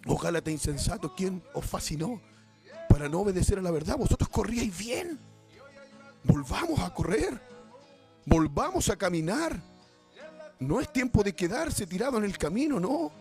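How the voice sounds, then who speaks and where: A man preaching an impassioned Pentecostal sermon as an evangelist, shouting exhortations and repeating phrases. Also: high voice, sing-song, moderate pace, faint music behind.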